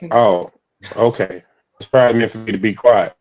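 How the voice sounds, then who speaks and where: A man's voice: lowish voice, fairly even intonation, moderate pace, a little mellow. A man in a laid-back, chatty conversation over a video call, his voice breaking up on a bad internet connection. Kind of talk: casual chat. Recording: muffled, glitchy video call audio.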